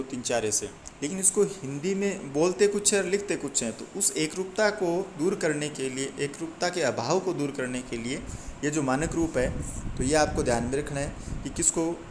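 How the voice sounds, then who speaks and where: A man's voice: on the high side, a little hiss or hum. A man teaching a Hindi grammar lesson to exam students, explaining step by step, asking and answering his own questions and reading out lists of number words.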